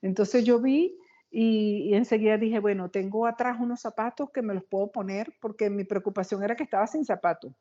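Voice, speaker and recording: A woman being interviewed as a guest, telling a personal story in an animated, quick, excitable way. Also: fairly high pitch, muffled recording.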